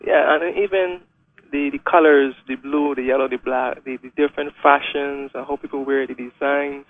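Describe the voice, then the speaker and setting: A man's voice: medium pitch, steady tone, normal speed. A young man from Guyana, a wheelchair racer talking hesitantly as a guest in a radio interview. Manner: hesitant, many "um"s and restarts. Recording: phone-line radio call.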